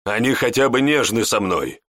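A man's voice: medium pitch, expressive, moderate pace, a bit bright, no room sound, clean studio sound. A man reading an audiobook, voicing a cocky young male apprentice who grumbles and complains. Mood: complaining.

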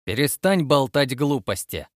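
A man's voice: medium pitch, normal speed, dry recording, studio quality, close to an everyday voice. A man reading the part of a fussy, stubborn male starship captain going through an inventory list, speaking with a methodical, bureaucratic manner. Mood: exasperated. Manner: patient then exasperated, bureaucratic.

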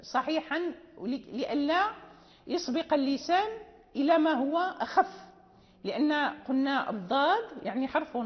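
A woman teaching Quran recitation and tajweed, explaining slowly with pauses and recited examples. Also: high voice, big-room sound, dull audio. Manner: slow, careful explanation with many pauses and check-ins. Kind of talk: classroom lecture with recited examples.

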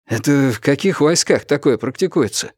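A man's voice: medium pitch, expressive, moderate pace, a little mellow, no echo, close to an everyday voice. A wary young man on the run speaks in a plain, near-natural voice and mutters his remarks, as a male narrator reads him. The sound is dry and close.

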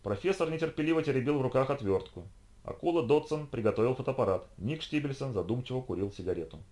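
A man narrating an audiobook in an even storytelling read. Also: mid-range voice, fast.

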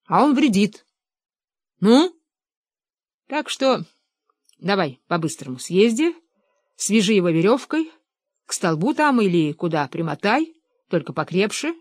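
A woman voicing a gruff, bossy older male official who scolds his son-in-law in a storybook reading. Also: high voice, no echo, clean studio sound, full character voice. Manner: blustering, scolding.

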